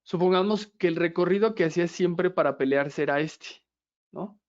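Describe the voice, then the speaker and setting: A man gives a classroom lecture in a fairly high voice. He explains step by step and keeps asking his students whether they follow. The recording is dull and lo-fi. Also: normal speed. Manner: explains step by step, constantly checks in with "¿sí?". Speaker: lecturer in systemic therapy.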